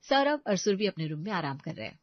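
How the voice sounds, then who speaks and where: A woman narrating an animated family story, engaging and speaking directly to the listeners. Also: low-pitched, fast talker, dry recording. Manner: warm, engaging, addresses listeners. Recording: dry, slightly dull lo-fi audio.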